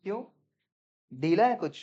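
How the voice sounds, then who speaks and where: A man teaching accounts in a classroom lecture, brisk and coaxing, often checking whether students follow. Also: high-pitched, very animated, dark tone. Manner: brisk, coaxing, peppered with "theek hai?". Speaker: commerce teacher. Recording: dull lo-fi classroom recording.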